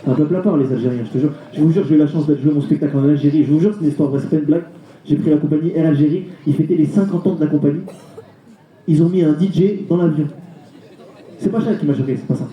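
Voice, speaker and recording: A male stand-up comedian doing a live routine, telling rapid, animated stories and slipping into acted voices. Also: fairly high pitch, muffled recording, slight background noise. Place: live comedy show venue. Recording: echoey venue with crowd.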